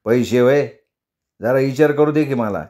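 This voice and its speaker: Here the male storyteller takes on the role of a blustering village taxi driver with a short fuse, quick to snap yet chatty in mood. He speaks at a medium pitch in a natural, slightly mellow voice.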